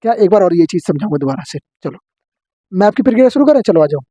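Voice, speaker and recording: A man teaching an exam-prep geography lesson, drilling his students with quick questions and answers. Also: high voice, sing-song, dark tone, no echo.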